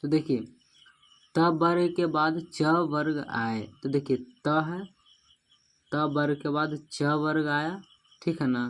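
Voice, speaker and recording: A man teaching a grammar lesson, repeating each rule and spelling words out syllable by syllable, often checking in with "okay?". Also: a little high. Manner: repeats rules, asks "ठीक है ना" often.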